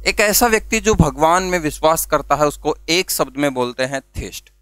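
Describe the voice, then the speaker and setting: A man's voice: fairly high pitch, animated, moderate pace, a bit bright, clean tone, no room sound, faint music behind. A man teaching vocabulary, asking questions and answering them himself and spelling words out letter by letter. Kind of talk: classroom-style video lesson.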